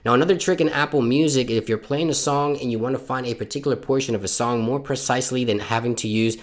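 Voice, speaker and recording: A bilingual Spanish speaker from Puerto Rico hosts a tech channel, speaking fast in a medium-pitched voice. He upbeatly walks viewers through phone tricks step by step.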